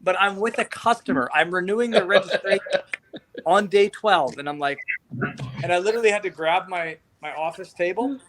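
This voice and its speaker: A man's voice: sits high, fairly quick, fairly bright tone, a little hiss or hum. A man hosting a podcast, telling a story in casual chat and laughing often. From Canada. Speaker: podcast host.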